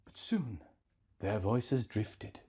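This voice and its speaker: Very slow and husky, the fairly low, expressive voice of a man in his thirties carries a dark tone. He hosts a comedy reading series and performs fan fiction with mock earnestness, pressing hard on words in a theatrical, melodramatic style.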